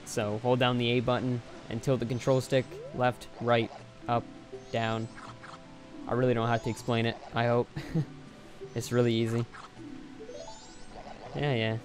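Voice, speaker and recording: A young man chats loosely through a gameplay recording, rambling and offhand, poking fun at himself. His voice sits mid-pitch and stays flat, barely rising or falling. Faint game music runs quietly beneath his words. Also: a little slow, pauses often. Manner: rambling, offhand, self-deprecating. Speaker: Let's Play commentator. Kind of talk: casual gameplay commentary.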